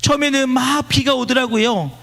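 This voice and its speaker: Man, pastor, sermon, very high voice, leads scripture reading line by line, church service. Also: steady tone, moderate pace, creaky. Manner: exclaims praise lines loudly, then drops to quiet storytelling.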